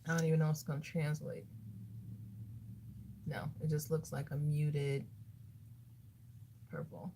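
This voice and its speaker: A woman's voice: low-pitched, level tone, a little slow, pauses often, warm tone, a little hiss or hum. A woman beauty vlogger chatting casually while doing her makeup, talking to herself and throwing sassy asides to viewers. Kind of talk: casual get-ready-with-me chat.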